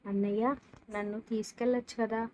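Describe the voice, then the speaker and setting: A woman's voice: a little high, flat delivery, normal speed, warm tone, slight background noise, lightly acted, poor audio. A woman voicing a hurt young wife who pleads through tears. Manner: pleading, tearful.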